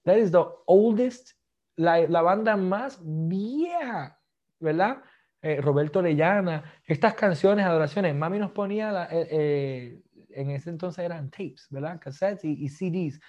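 Man, pastor, bilingual sermon, slightly high voice, dull lo-fi sound. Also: expressive, unhurried, darkish tone. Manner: switches between Spanish and English, jokes with the congregation.

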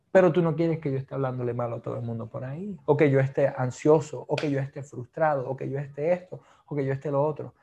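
A man's voice: medium pitch, warm tone, breathy edge, dull audio. A man with a Puerto Rican accent, preaching a sermon over a video call in a chatty way, slipping between Spanish and English. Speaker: pastor.

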